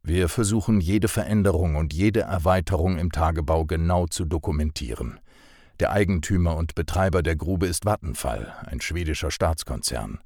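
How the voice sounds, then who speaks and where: A man's voice: low voice, normal speed, darkish tone, dry recording, studio quality. A man voicing a stubborn older male professor who grumbles and mutters curses. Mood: confiding.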